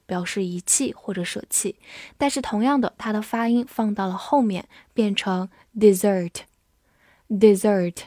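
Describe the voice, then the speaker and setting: A woman teaching English vocabulary, spelling words letter by letter and reading example sentences slowly. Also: medium pitch, darkish tone, no echo, studio quality. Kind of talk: vocabulary lesson.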